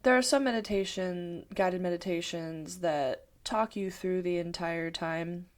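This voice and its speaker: Slow, low-voiced woman meditation teacher. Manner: slow, calm, thoughtful explaining. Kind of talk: talking-head explainer video.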